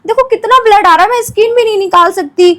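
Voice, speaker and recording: A woman's voice: extremely high pitch, fast, a bit bright. A young woman playing a worried mother in a home family vlog skit, fussing over her child and repeating her name.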